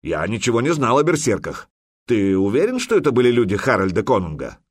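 A man's voice: on the low side, wildly swooping pitch, fairly quick, dry recording, studio quality. A man voicing a huge gray-bearded old warrior chief who taunts and bellows. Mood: mocking.

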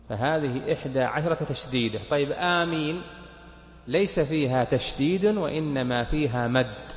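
Sheikh teaching in an echoey hall. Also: male voice, mid-range voice. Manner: asks his students questions and counts points aloud. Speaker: sheikh teaching a fiqh text. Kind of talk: explaining a legal text in a mosque lesson. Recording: echoey hall with long reverb.

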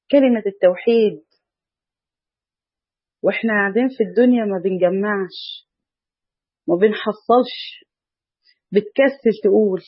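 A woman's voice: mid-range voice, slightly rough, no room sound. A woman with an Egyptian accent giving an earnest religious lesson, lifting her voice to stress key words. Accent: Egyptian Arabic. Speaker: religious teacher. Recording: dull, dry lo-fi recording.

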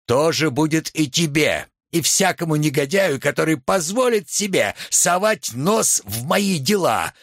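A man's voice: medium pitch, lively intonation, unhurried, fairly bright tone, dry recording, studio quality, voice pushed up. A man voicing a pale young male official with a metallic, harsh, imperious voice. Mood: menacing.

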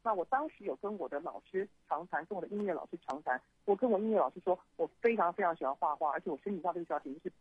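A woman, telling her story as a radio guest, lively and full of fillers and restarts. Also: fairly low pitch, racing, hardly any pauses, breathy edge, dry recording. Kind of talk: animated storytelling interview. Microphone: phone call. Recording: tinny phone line.

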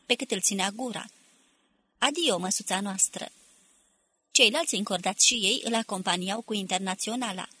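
A woman narrating a novel in a steady, measured audiobook reading. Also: medium pitch, husky. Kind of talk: scripted literary narration.

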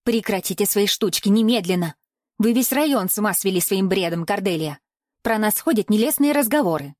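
A woman's voice: mid-range voice, lively intonation, brisk, darkish tone, no room sound, clean studio sound, close to an everyday voice. A woman reading an audiobook and voicing a prim, scolding middle-aged mother with a barely hidden edge of hysteria. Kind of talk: audiobook character voice.

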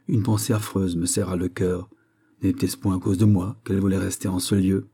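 Low husky-voiced man reading a classic story. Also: flat delivery, warm tone. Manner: measured, grave literary reading. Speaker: audiobook narrator. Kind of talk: scripted narration.

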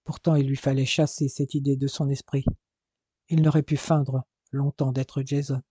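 Male narrator, measured dramatic storytelling, dark mellow voice, dry close sound. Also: mid-range voice, little pitch movement, husky, no room sound. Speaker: audiobook narrator. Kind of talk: scripted narration of a romance novel.

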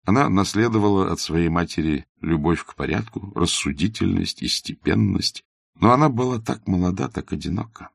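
A man narrating a classic novel as an audiobook in a measured, even reading. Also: low-pitched, vocal fry, breathy edge, no echo, clean studio sound. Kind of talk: scripted literary narration.

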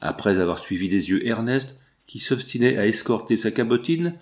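A man reading a classic novel aloud in a measured, even storytelling manner. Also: lowish voice. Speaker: audiobook reader.

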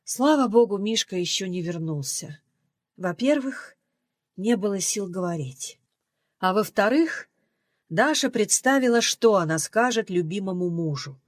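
A woman reading a novel aloud as audiobook narrator, in a measured storytelling delivery. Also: mid-range voice, animated, no room sound. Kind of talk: scripted narration. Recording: dry close recording.

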